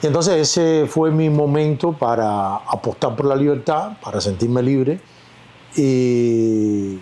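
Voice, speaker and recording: Being interviewed casually, a male actor with a Cuban accent reflects and tells stories, leaning on lots of fillers. He has a mellow, medium-pitched voice and a slow delivery.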